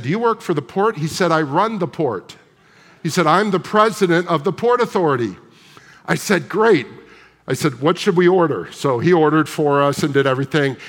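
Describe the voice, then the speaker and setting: A man delivers a sermon in a relaxed, conversational storytelling style, now and then putting questions to the congregation. His voice sits a little higher than most men's. The sound carries a long reverb from the large church sanctuary. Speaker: pastor.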